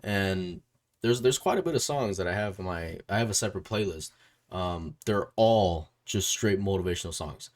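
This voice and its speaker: Deep-voiced and talking at normal speed, this man from Puerto Rico or a Puerto Rican family runs a relaxed interview for his music YouTube channel. He tends to ramble, say things twice, and tack questioning tags onto his lines.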